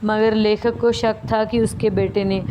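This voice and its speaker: A woman teacher reading a story aloud slowly and carefully, with small restarts, then explaining it to her students. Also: medium pitch, level tone. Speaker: school teacher. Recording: faint background noise.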